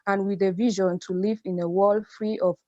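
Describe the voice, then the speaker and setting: A woman's voice: medium pitch, steady tone, moderate pace, mellow, dry recording. A young woman from Cameroon presenting formally from a prepared text. The sound is dry and lo-fi, with a dull call-line quality. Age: young adult. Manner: formal, read-out delivery. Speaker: NGO program manager. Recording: dry lo-fi video call audio.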